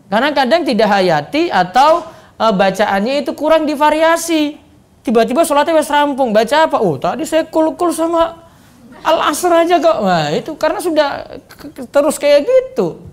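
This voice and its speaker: An Islamic preacher with a very high voice gives a religious study lecture at a moderate pace. He is animated, quizzing his listeners and acting out sample prayers.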